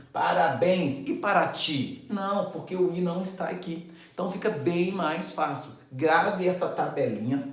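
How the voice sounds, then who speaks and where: A man teaching a lively grammar lesson who keeps checking in with his listeners. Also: fairly high pitch, reverberant.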